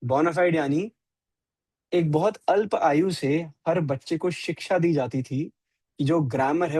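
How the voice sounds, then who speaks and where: Slow, higher-voiced Indian man teaching. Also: darkish tone, no room sound. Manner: mixes Hindi and English, checks in with "right?". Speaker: teacher of scripture. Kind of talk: scripture class lecture.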